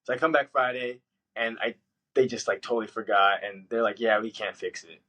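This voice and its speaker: A man telling a story in casual podcast chat, swearing freely and jumping into high-pitched voices when he quotes himself. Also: fairly quick, pushed and bright, rough recording. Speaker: podcast host.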